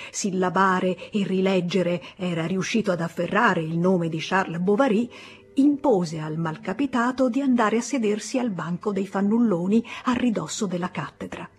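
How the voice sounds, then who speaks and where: A woman with an Italian accent reading a classic novel aloud in a measured, expressive audiobook narration. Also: medium pitch. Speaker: audiobook reader.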